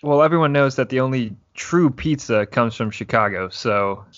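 A man's voice: medium pitch, lively intonation, moderate pace, lo-fi sound. A man guesting on a casual podcast, laid-back with dry humor.

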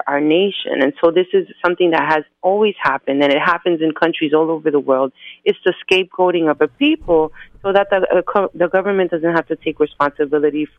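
Speaking briskly in a deep voice, this US activist joins an interview by phone and works through her explanations in an earnest, orderly way, grouping her points. The recording is dry and has the tinny sound of a phone line.

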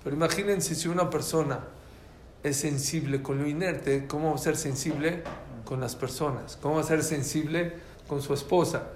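Mexican male religious teacher, animated storyteller, slightly high voice, faint room noise. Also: moderate pace, echoey room. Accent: Mexican Spanish. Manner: animated, quizzes the audience.

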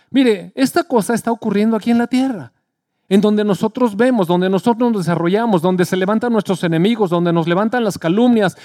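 A man preaching a sermon, retelling a story and acting out the quotes with a lively delivery. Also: sits high, no room sound, studio quality. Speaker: pastor.

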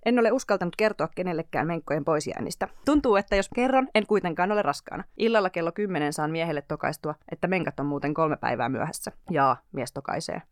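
A young adult woman, a podcast co-host, reading her own diary entries aloud slowly and carefully, then chatting casually. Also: sits low, dry recording, studio quality.

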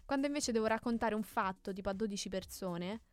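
A woman's voice: medium pitch, quick pace. A young woman, chatting and reading news casually as a radio co-host. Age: young adult.

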